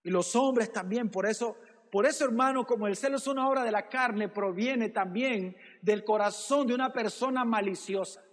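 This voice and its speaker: A man with a notably high voice preaches a sermon as pastor. He keeps addressing the listeners as brother and throws out rhetorical questions. His voice rings with the long reverb of a church hall. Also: normal speed.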